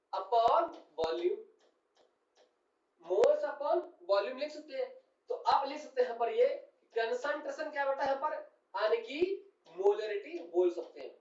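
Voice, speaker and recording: A man teaching chemistry to a class, explaining step by step, repeating key terms and often asking whether students have understood. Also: extremely high pitch. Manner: keeps checking understanding and calls students "son". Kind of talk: classroom lecture. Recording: roomy, distant and dull-sounding.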